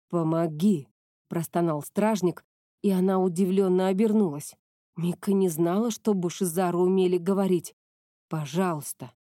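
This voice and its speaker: Mellow-voiced woman narrating a story. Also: medium pitch, dry recording, studio quality. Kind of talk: audiobook narration of a fantasy novel.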